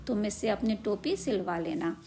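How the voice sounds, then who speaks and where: A woman's voice: mid-range voice, animated, normal speed, mellow, a little hiss or hum, natural voice. A woman playing a dismissive male cloth seller in a storybook. He brushes people off with scorn. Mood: fearful. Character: gruff male cloth shopkeeper, dismissive then scared.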